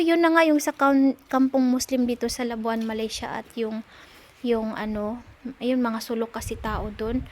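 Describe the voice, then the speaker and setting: A woman's voice: sits high, a little hiss or hum. A woman from the Philippines chatting casually in a vlog, often talking baby-talk to her cat. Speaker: vlogger.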